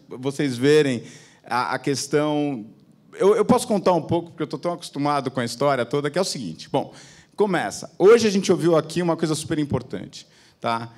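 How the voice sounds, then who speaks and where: Holding a handheld mic on an auditorium stage, a TV channel executive in his forties talks to the audience with a Brazilian Portuguese accent and a medium-pitched voice. He keeps things chatty, sprinkling in plenty of tag questions.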